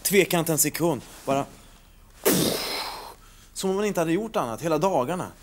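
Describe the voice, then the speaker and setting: An actor playing the new radio host in town, who talks in a dry, wry, slightly awkward way. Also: male voice, a little high, expressive, slight background noise, natural voice. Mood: chatty. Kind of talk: film drama acting.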